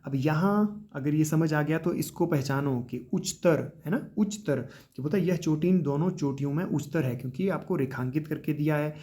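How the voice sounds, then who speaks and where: A man teaching grammar for a police exam, explaining step by step, calling his students children, and often tagging his points with a quick "right?". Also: a little high, dark tone. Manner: explains step by step, addresses students as children, repeats with tag questions. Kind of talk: exam-prep grammar lesson.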